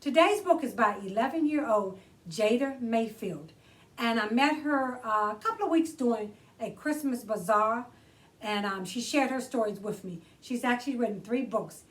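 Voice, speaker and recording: Far from the microphone, a woman with a slightly high voice and lively intonation reads a storybook at a moderate pace for children's storytime. She addresses the young audience directly, with theatrical expression.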